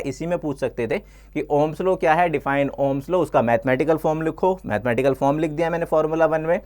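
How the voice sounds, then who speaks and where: A man teaching a physics exam-prep lesson step by step, mixing Hindi and English and calling his students "bachcha log". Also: a little high. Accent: Indian English.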